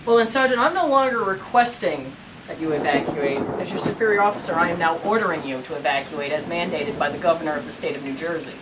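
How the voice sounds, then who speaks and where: An actor playing a stern police lieutenant who gives orders with dry sarcasm. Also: male voice, fairly high pitch, quick pace, natural voice. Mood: commanding. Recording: distant mic, noisy with rain.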